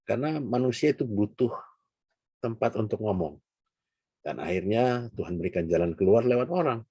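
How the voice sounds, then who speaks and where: A man hosts an online worship service and sums up the sermon in a reflective, encouraging way. His voice is low, mellow and somewhat husky. It comes through dry and muffled from a video call. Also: animated, moderate pace, no room sound. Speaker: service host. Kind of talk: affirming moderation of an online service.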